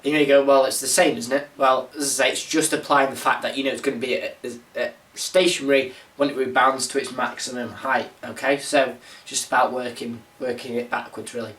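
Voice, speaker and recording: Young guy, relaxed maths tutor, wanders off into jokey asides, mic a few feet away in a roomy space. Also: mid-range voice, brisk, few pauses, distant mic. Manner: casual, rambling, self-mocking asides. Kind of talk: informal exam walkthrough. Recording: roomy sound, mic set back.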